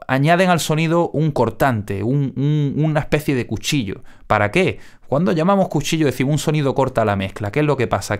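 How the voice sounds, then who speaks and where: Teaching audio mixing in a relaxed, spoken tutorial, a man with a mid-range voice speaks with crisp, careful diction and often checks in with whoever is listening.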